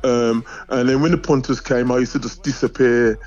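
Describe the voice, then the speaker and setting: A man's voice: medium pitch, steady tone, moderate pace, darkish tone. A middle-aged man telling stories casually as an interview guest, animatedly acting out dialogue. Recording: dull, lo-fi sound.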